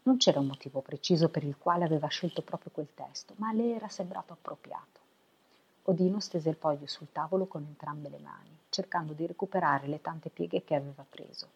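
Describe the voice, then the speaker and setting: Husky-voiced woman reading a novel. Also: low voice, fairly quick. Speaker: volunteer reader. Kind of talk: reading a novel aloud on web radio. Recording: lo-fi web radio audio.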